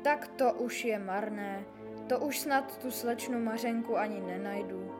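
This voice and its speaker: A kind, chatty postman, put on by a woman reader in a spoken fairy tale. He talks in a lowered, somewhat low-pitched voice, courteous and eager, and can reel off long strings of teasing names. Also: over music, natural voice. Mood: glum. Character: kind, chatty middle-aged male postman. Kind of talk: storybook character voice.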